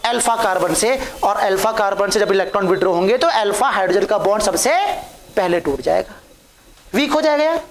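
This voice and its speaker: A woman's voice: medium pitch, lively intonation, a little fast. A woman teaching a chemistry class, coaxing her students with questions that she answers herself. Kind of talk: classroom lecture. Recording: echoey room.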